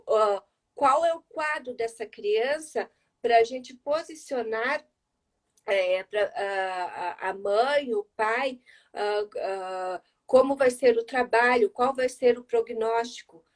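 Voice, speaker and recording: A woman's voice: a little high, slow. A woman educator on a live stream, explaining with rhetorical questions and answering viewers' questions by name. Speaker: speech therapy educator. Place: home, live video stream.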